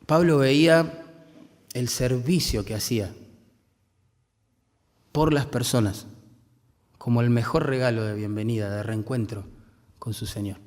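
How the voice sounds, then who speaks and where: A man's voice: mid-range voice, measured pace, pauses often, darkish tone, in a large hall. A man with a Rioplatense Argentine accent preaching a sermon as pastor, speaking conversationally and asking the congregation rhetorical questions. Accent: Rioplatense Spanish. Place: church hall.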